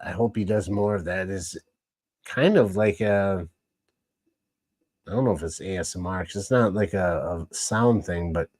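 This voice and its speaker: A man's voice: fairly low pitch, a little mellow, no room sound. A man casually hosting a live stream, rambling along and greeting chat viewers by name. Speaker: livestream host.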